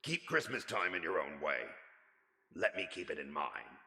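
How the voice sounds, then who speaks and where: Storybook miser, old and indignant, acted by a man: curt, scornful growl, big pitch swings, long room reverb. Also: big pitch swings, normal speed, sharp tone, heavily acted. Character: grumpy, indignant, miserly old uncle Scrooge.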